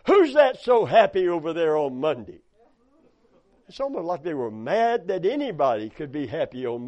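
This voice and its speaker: This sermon comes from a hoarse preacher whose voice sits a bit high for a man and has a darkish tone. He spins folksy stories from the pulpit, punctuated with amens and hallelujahs, on a dull, lo-fi recording.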